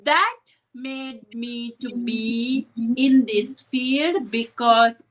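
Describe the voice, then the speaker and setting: Frequent "right?" asides mark this earnest, reflective interview, in which a Sri Lankan woman, a psychotherapist guest, tells her story. Her slightly high, somewhat bright voice is very slow, and the audio is poor.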